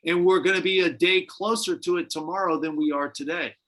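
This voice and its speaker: A man's voice: high-pitched, steady tone, brisk, a bit bright, poor audio. A man leading a church Bible study, teaching in a conversational, musing way with frequent restarts. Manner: conversational, speculative, many restarts. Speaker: pastor.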